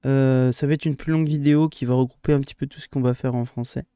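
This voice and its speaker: A man's voice: mid-range voice, steady tone, fast, warm tone, smooth, no echo, studio quality. A male primary school teacher recording a remote lesson for his pupils, hesitant with many fillers and restarts, livelier when he explains a rule.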